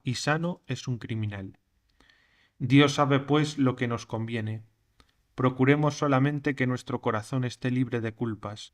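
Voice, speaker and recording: A man giving a scripted reading of a sermon in a measured, declamatory way. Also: mid-range voice. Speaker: reader of a recorded sermon text.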